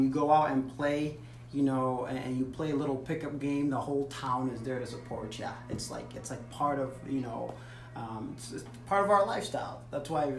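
A man in his thirties, from Africa, chatting easily as a soccer player in a casual interview, with many "you know" fillers. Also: mid-range voice. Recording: roomy, distant mic with faint noise.

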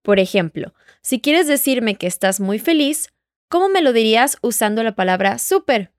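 Woman, language teacher, audio lesson, patient, prompts repetition, slightly high voice, dry close sound. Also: very animated, moderate pace, no echo. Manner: patient, prompts the listener to repeat and answer. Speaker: Portuguese teacher.

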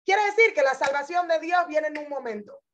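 A woman's voice: high-pitched, expressive, fairly quick, a bit bright, slight background noise. A woman religious teacher telling her personal testimony in an inspirational talk, earnest and emphatic, speaking straight to her listeners.

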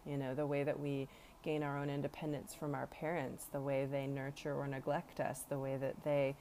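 Woman in her 40s, deep-ish voice, earnest rambly podcast talk, lots of "you know". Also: little pitch movement, moderate pace, dark tone, slight background noise. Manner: earnest, rambling, many fillers. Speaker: podcast host. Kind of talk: reflective spiritual monologue.

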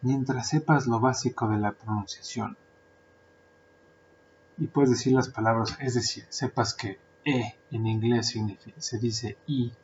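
Mexican man hosting a podcast: chatty, jokey, mid-pitched, dull lo-fi recording. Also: steady tone, unhurried, a little hiss or hum. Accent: Mexican Spanish. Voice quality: joking, chatty, frequent filler words. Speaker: podcast host, translator and interpreter. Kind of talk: casual podcast monologue. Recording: dull lo-fi sound.

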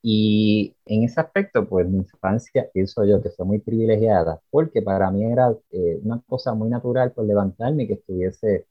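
A Puerto Rican man, a writer and poet, talking reflectively in an interview, pausing often to search for his words. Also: on the low side, no room sound, lo-fi sound. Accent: Puerto Rican Spanish. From Puerto Rico. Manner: thoughtful, searching, many fillers like "pues" and "¿verdad?".

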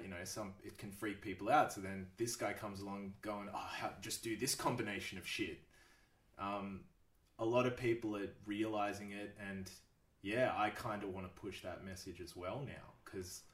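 A man's voice: on the low side, reverberant, recorded from a distance. A man talking casually as a podcast guest. He swears freely and laughs often. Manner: laid-back, swears a lot, laughs often. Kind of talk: casual chat.

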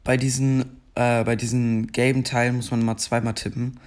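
Slow, rambling game commentary comes from a young man who creates gaming videos, punctuated by fits of frustration. His mid-range voice barely moves in pitch and sounds scratchy, as if first thing in the morning.

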